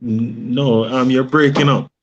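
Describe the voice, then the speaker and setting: A man joining as a guest over an internet call that keeps breaking up, answering in halting, hesitant phrases. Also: mid-range voice, steady tone. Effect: choppy internet call that breaks up. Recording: dull lo-fi call line with faint noise.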